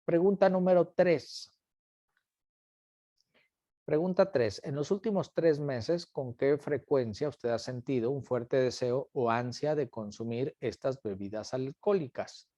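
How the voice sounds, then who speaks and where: Patient man leading an online class, mellow dry voice, repeats himself. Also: medium pitch, a little slow, no room sound. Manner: patient, repeats questions and calls on students by name. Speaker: instructor.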